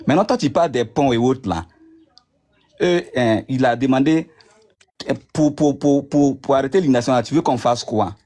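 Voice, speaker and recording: A man's voice: mid-range voice, normal speed, warm tone. A man in a heated political argument, insistent and repeating himself as he talks over his opponent. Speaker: debate participant.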